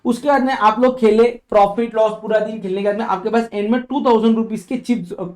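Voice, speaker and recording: A man teaching a tax revision lecture, working through examples and often asking if it is clear, with English legal phrases read out slowly. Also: sits high, fairly even intonation, a little mellow. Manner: explains with worked examples and checks for understanding.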